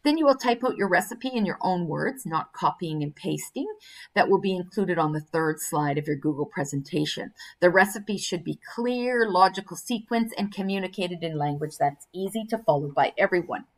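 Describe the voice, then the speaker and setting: A woman's voice: fairly low pitch, animated, moderate pace. An older woman teaching a recorded screen-share lesson, explaining an assignment step by step and reading instructions aloud, with fillers and self-corrections. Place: indoors at a computer.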